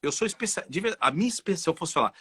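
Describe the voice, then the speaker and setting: A man with a Brazilian Portuguese accent, a guest and voice specialist, talking in a casual, animated way and telling personal stories. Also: fairly high pitch, fast, husky, dry recording, studio quality. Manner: animated, personal storytelling with frequent "entendeu?". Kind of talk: casual conversational interview.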